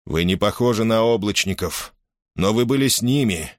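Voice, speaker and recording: A man's voice: fairly low pitch, expressive, moderate pace, no echo, clean studio sound, close to an everyday voice. A man voicing a stern young male imperial captain who speaks in a harsh, formal, accusing way. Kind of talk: audiobook character voice.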